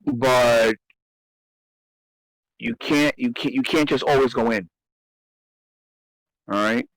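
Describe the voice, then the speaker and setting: A man's voice: mid-range voice, slow, dry recording, rough recording. Man explaining game strategy at length. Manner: explanatory, repeats himself, emphatic. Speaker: host. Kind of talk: casual gaming strategy discussion.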